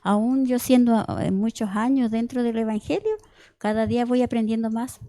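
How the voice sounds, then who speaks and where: A woman's voice: fairly high pitch, steady tone, moderate pace, warm tone. A middle-aged woman gives a conversational sermon mixed with personal testimony, often restarting words and checking in with "¿cierto?". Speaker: church member preaching.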